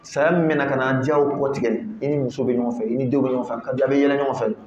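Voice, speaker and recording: A man teaching a Ramadan class on Quran recitation in a mosque, drilling each word's pronunciation slowly, syllable by syllable. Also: medium pitch, fairly even intonation, darkish tone, slight background noise. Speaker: religious teacher. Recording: echoey, muffled room recording.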